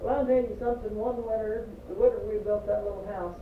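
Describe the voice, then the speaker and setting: A woman's voice: mid-range voice, fairly even intonation, quick pace. Older Appalachian woman, echoey distant recording. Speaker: family member reminiscing. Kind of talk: casual chat, storytelling. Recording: echoey, distant, noisy, phone-like home recording.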